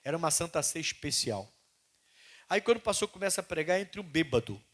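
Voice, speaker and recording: A male pastor preaches animatedly, jumping between loud emphatic lines and quiet asides. His voice sits high and bright, with wide, expressive pitch movement. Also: fast talker. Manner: animated preaching with acted-out dialogue. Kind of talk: sermon.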